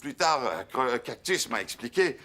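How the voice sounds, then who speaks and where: An excitable young clown boy tells a story on a children's TV show, in a Quebec French accent. His voice leaps between high and low, and it rings bright and forceful. He hesitates a lot and keeps slipping into other voices. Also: moderate pace. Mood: storytelling. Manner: animated, many hesitations, shifting into other voices. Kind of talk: children's TV monologue.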